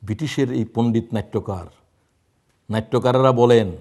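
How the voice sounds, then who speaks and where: A man in his sixties preaching a sermon, reciting prayers and quoting verse in a drawn-out voice that swings between loud and hushed. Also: medium pitch, fairly even intonation. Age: 60s. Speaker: Islamic preacher.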